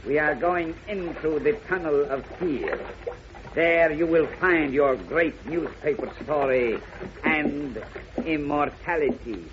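An actor playing a mysterious genie's servant in a 1940s radio serial, speaking with solemn, mystical formality. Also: male voice, a little high, slow. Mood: solemn, ominous. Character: mysterious turbaned tall man, servant of a genie. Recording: muffled, noisy old radio recording.

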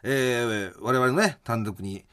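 A man's voice: mid-range voice, slow pace, bright, forceful tone. A man co-hosting a comedy radio show, bantering theatrically with bursts of mock outrage. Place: radio studio.

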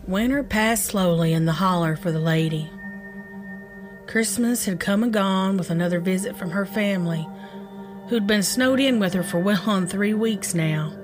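A woman's voice: mid-range voice, moderate pace. A woman podcast host narrating a scripted ghost story in a theatrical, spooky storytelling manner. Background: background music.

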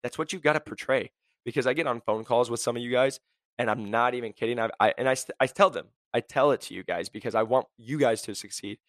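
A young man hosting a career podcast, blunt and high-energy, packed with "like" and "right?". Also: quick pace, a bit bright, no room sound. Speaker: podcast host. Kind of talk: motivational career podcast talk.

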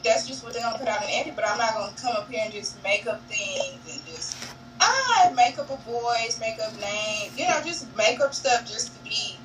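Speaking at a moderate pace with a slightly high, naturally monotone voice, a young reality show cast member chats as a guest in a relaxed video-call interview. She laughs a lot, speaks candidly, and addresses people as "honey" and "y'all," recorded on a distant mic with faint noise.

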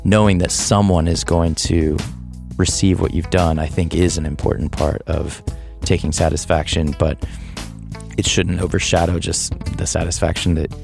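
With music playing in the background, a man in his thirties hosts a podcast, musing thoughtfully and hesitantly, restarting sentences and laughing now and then. He speaks at a moderate pace in a low voice with vocal fry and fairly even intonation.

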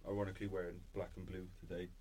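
Man, deep voice, Cardiff accent, informal interview guest, slangy, repetitive phrasing. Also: little pitch movement, very fast, warm tone. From Cardiff, Wales. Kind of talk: casual chat.

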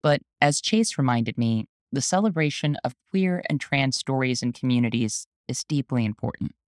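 An activist and journalist hosting the show, reading a scripted spoken essay in an earnest, urgent, deliberate way. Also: mid-range voice, expressive, no room sound, studio quality.

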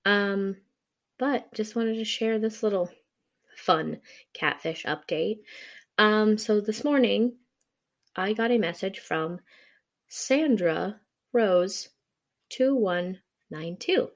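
Young woman doing a solo podcast, slow and kinda frazzled, lots of um, fry in her voice. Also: medium pitch. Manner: rambling with many ums, frazzled. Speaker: podcast host. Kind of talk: casual solo podcast chat.

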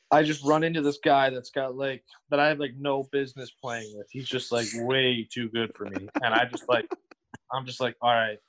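A young man chatting casually as a podcast guest, rambling and halting, often repeating himself. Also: medium pitch, a bit bright. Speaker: guest streamer.

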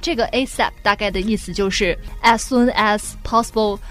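A woman's voice: mid-range voice, fairly even intonation, normal speed, fairly bright tone, faint music behind. A woman co-hosting a casual language show, asking curious, playful questions about English abbreviations. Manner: curious, playful, laughs easily. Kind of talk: casual bilingual chat.

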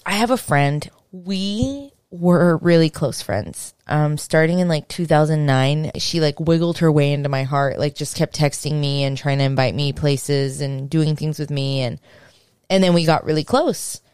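A woman's voice: sits low, moderate pace, darkish tone, smooth, no room sound, studio quality. A woman hosting a podcast, chatting casually and candidly and swearing now and then. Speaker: podcast host. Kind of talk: casual conversational chat.

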